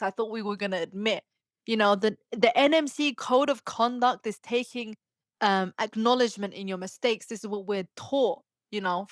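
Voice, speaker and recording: A young adult woman, a podcast host and nurse, telling a story in a casual, animated way and acting out the people she quotes. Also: a little high, dry recording, clean studio sound. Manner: animated, acts out quoted dialogue.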